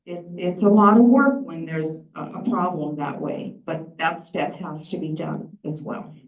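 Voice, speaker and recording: In a large meeting room, a woman gives a plain-spoken, explanatory presentation, her low voice at a measured pace. The recording is echoey and dull, picked up by a distant mic.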